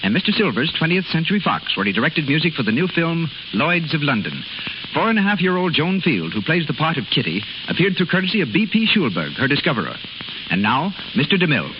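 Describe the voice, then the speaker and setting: A male radio announcer reading the closing credits in a brisk, formal manner, heard as an old 1930s radio broadcast. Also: on the high side, very animated, lo-fi sound, noisy background. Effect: old 1930s radio broadcast sound.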